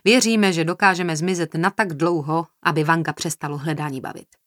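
A woman's voice: low voice, steady tone, dry recording, studio quality, lightly acted. A woman reading as a reproachful family man. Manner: reproachful, insistent.

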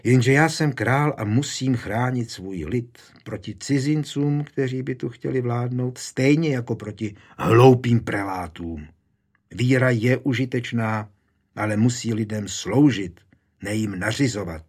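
A man's voice: medium pitch, a little mellow, husky, lightly acted. A man reading as a stern aging king. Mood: firm. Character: aging male medieval king, stern yet affectionate.

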